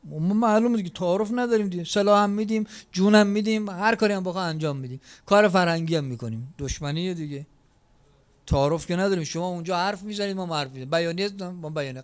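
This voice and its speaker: A man preaching a sermon in a notably high voice. His delivery is emphatic, rising to loud declarations and dropping to hushed asides. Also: smooth.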